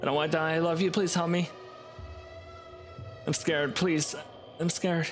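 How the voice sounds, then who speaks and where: A man's voice: high voice, steady tone, a little slow, vocal fry, soft background music, voice pushed up. A man voicing a terrified, wounded young person in a game who begs repeatedly to be let go. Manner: pleading, frightened, repetitive.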